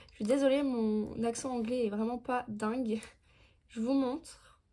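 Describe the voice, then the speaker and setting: A woman's voice: a little high, mellow. A nineteen-year-old woman chatting through a beauty haul video, explaining each product with lots of fillers. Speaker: beauty vlogger.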